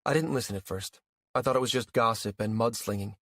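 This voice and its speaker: In an audiobook story, a man voices a matter-of-fact woman who confidently explains things and reveals inside information, in an assured, revealing mood. His mid-range voice is brisk and a bit bright, close to how someone ordinarily talks, with no echo.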